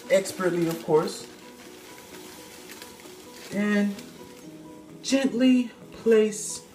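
His voice is high but darkish in tone: a young man hosting a home cooking video with mock seriousness, acting the expert and joking with viewers as he moves about the stove. He is filmed indoors by a phone camera on a stand several feet away, in an echoey kitchen.

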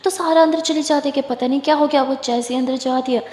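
A woman narrating a dramatic romance story and acting out the characters' lines with shifting pitch. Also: steady tone, fast talker, a little mellow, reverberant, big-room sound.

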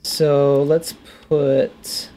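This is a man in his thirties hosting a gaming video, speaking very slowly in a slightly high, level voice with a dark tone. Into his headset he muses to himself during play, offering casual let's play commentary and reading on-screen text aloud.

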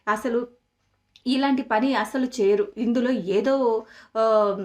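Woman reading a hurt, earnest young husband, fairly high voice, storytelling recap. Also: fairly even intonation, slow pace, a little mellow.

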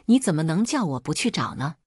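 A woman's voice: very animated, a little fast, darkish tone, husky, no room sound, clean studio sound, heavily acted. A woman doing a hot-tempered young husband. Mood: angry. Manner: deep, brooding, bursts of fury. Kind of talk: storytelling voice acting.

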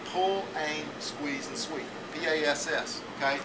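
A man in his forties demonstrates in a school teaching kitchen, rambling through his points and tagging them with "okay?". His voice sits a bit high and is picked up by a camera a few feet away, with a steady air-conditioning hum underneath. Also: unhurried, distant mic. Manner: rambling, repetitive, checks in with "okay?". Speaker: culinary teacher. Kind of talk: classroom cooking demonstration. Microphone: camera mic from a few feet away.

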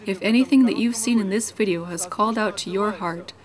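Earnest woman narrating a church voice-over. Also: mid-range voice. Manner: earnest, measured preaching tone. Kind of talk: read church introduction voice-over.

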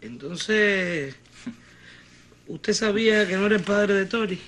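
An actress with a Cuban accent playing a bossy, scornful housewife in a telenovela. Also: female voice, mid-range voice, lively intonation, slow pace, a bit bright, a little hiss or hum. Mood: grudging. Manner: blunt, mocking, exclamatory. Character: blunt scornful middle-aged housewife, bossy. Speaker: sharp-tongued mother-in-law. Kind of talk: telenovela acting.

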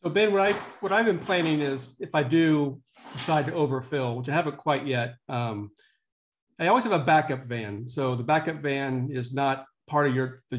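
Man, vanpool operator, video call, mid voice, measured, explanatory. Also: medium pitch. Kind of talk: video call meeting discussion.

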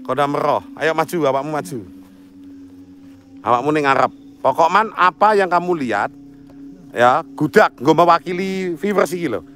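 A young man with an East Javanese accent leads a night ghost hunt outdoors, coaxing and repetitive, often laughing. His voice sits a little high, with faint music running behind him. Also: animated, moderate pace, a bit bright. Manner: coaxing, repeats prompts, laughs easily. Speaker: paranormal guide. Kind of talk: casual night-time ghost-hunt chat with chanted greetings. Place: outdoors at night by a forest pool.

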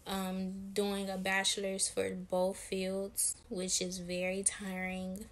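A woman's voice: mid-range voice, completely flat delivery, takes it slowly. A young woman in her twenties from Maryland, chatting candidly and a bit tiredly in a casual Q&A vlog, with a slangy, easygoing way of talking. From Maryland, USA. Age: 20s. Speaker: vlogger and lash business owner.

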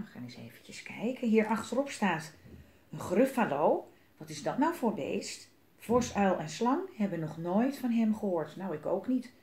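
Slow, chatty woman reading to kids. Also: mid-range voice, a little mellow. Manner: chatty, pointing out pictures. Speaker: reader of a children's book. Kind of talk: reading a picture book aloud to children. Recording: roomy echo.

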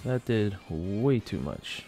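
A man's voice: lowish voice, sing-song, slow pace, mellow. Chatty man narrating his gameplay. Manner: chatty, talks to the game and his creatures. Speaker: gaming YouTuber. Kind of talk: casual Let's Play commentary. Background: faint game music.

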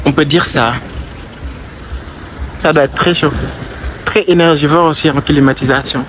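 This young travel vlogger has a fairly high voice with fairly even intonation and a moderate pace. He films on a handheld camera as he strolls outdoor city streets, casually musing aloud with hesitant restarts, while street and traffic noise carry on around him.

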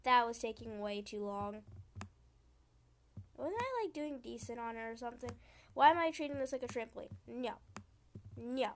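A woman's voice: a little high, animated, normal speed, pauses often, a little hiss or hum. Young woman venting through gaming commentary. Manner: frustrated, chatty, exclaims at the game. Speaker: YouTuber.

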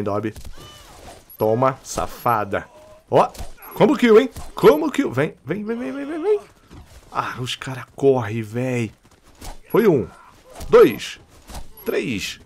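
A man with a Rio de Janeiro Brazilian accent giving casual, excitable gameplay commentary, taunting enemies and laughing as he plays. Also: medium pitch. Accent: Brazilian Portuguese, Rio de Janeiro. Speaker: gaming channel host.

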